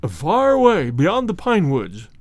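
A man's voice: sits high, wildly swooping pitch, measured pace, no room sound, full character voice. Man putting on a dreamy faraway old ghost. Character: lonely, weary old male ghost, centuries sleepless. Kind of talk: storybook reading.

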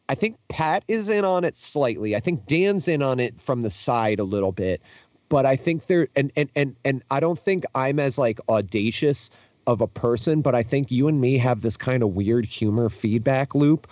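A man's voice: medium pitch, a little mellow, no room sound, muffled recording. A young man in casual chat, telling tour stories in a rambling, profane way with lots of fillers and restarts. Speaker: podcast guest, touring musician.

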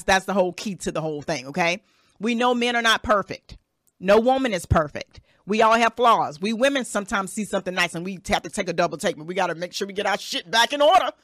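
A solo podcast host in her thirties, her voice on the low side and a bit bright, gives blunt, profane advice in a casual monologue. She keeps tacking "okay?" onto her points. The audio is studio quality without echo.

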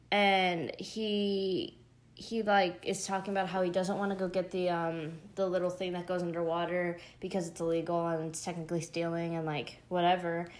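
Low-voiced young woman rambling casually. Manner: rambling, many fillers, gushing asides. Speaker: show recap vlogger. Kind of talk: casual chat.

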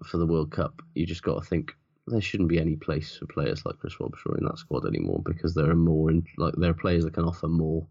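Over a dull, lo-fi recording, a very deep-voiced man co-hosts a podcast about sports, rambling bluntly and swearing freely. His delivery is brisk, and his voice comes across creaky, mellow and husky.

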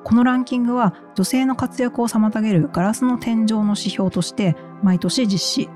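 A woman's voice: on the high side, normal speed, darkish tone, soft background music. A woman hosting a podcast, introducing the show and reading out news summaries in a presenter's style. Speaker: podcast host.

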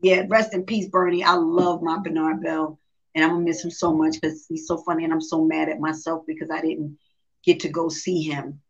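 A woman's voice: deep voice, moderate pace. A woman singer as the guest in a casual interview, telling stories, acting out quotes and laughing often. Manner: lively storyteller who acts out quotes and laughs often. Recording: dull lo-fi live stream audio.

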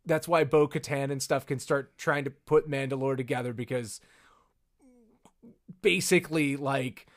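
A man in casual podcast chat, talking animatedly and acting out characters in quick high-pitched bits. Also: fairly even intonation.

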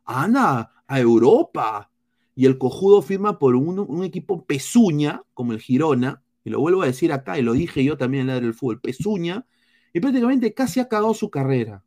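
A man's voice: fairly high pitch, expressive, fairly quick, mellow. A man with a Peruvian Spanish accent hosting casual football talk, blunt and heated, full of crude slang.

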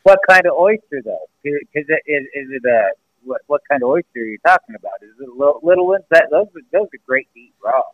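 A man's voice: fairly high pitch, expressive, fast, dry recording. Blunt, cussing man over a phone line. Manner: blunt, swears a lot. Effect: heard over a phone call. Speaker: guest, father of a co-host. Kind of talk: casual chat. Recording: dull, dry phone-call sound.

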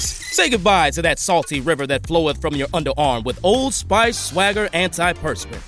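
A man's voice: fairly high pitch, fairly bright tone. A man announcing a comic commercial in a mock-dramatic, playful way. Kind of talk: comic radio ad.

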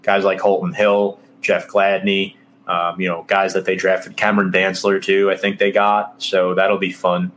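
A man hosting a casual sports podcast, talking loosely with many fillers and pauses while he leads the segments. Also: low-pitched, little pitch movement, a bit bright, slight background noise. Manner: hesitant, filler-heavy, loose. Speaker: podcast host.

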